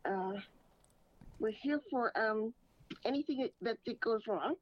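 A woman's voice: a little high, takes it slowly, no room sound, dull audio. A woman who owns a pharmacy, answering interview questions in a direct, plain way. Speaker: pharmacy owner, guest.

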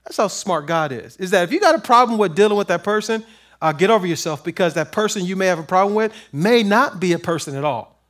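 A man's voice: high-pitched, lively intonation, fast, fairly bright tone. A man preaching a sermon, reading verses and asking the congregation to finish his lines, building to emphatic peaks. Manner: call-and-response questions, rising to emphatic peaks. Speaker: pastor.

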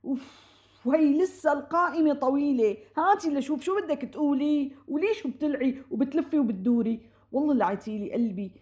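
Woman doing a nosy syrian matchmaker auntie, bit high voice, rattles on over everyone, radio comedy. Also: darkish tone, close to an everyday voice. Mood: bossy. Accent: Syrian Arabic. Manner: rapid, theatrical, talks over others. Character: chatty meddling middle-aged matchmaker neighbor woman. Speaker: comic audio drama actress. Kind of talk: comic radio-play acting.

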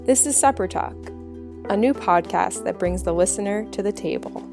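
Woman, podcast host, gravelly voice, scripted narration, soft music behind. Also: mid-range voice, moderate pace.

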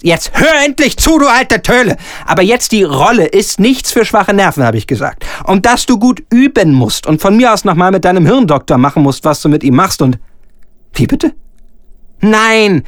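Brief: man voicing a pompous, tyrannical theatre director; wheedles and rants, voice sits high with wild swings. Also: no room sound, studio quality. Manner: ranting, lurching between sugary coaxing and shouting. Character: pompous, bullying male theatre director, middle-aged. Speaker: stage director. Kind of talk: solo reading of a comic radio scene.

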